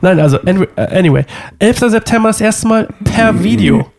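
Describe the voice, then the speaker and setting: A young man with a stuffy cold co-hosts a casual couple podcast from his living room, playful and rambling. His high voice is animated, a little fast, and gravelly.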